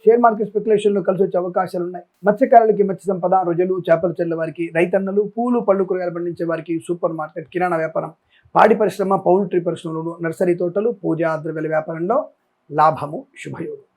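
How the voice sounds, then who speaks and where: A male astrologer hosting a daily horoscope reading. He talks quickly in a high voice and reels off long lists of predictions. His appeals to the audience are emphatic. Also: fairly even intonation, a little mellow. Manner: rapid listing, emphatic appeals. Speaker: astrologer and channel host.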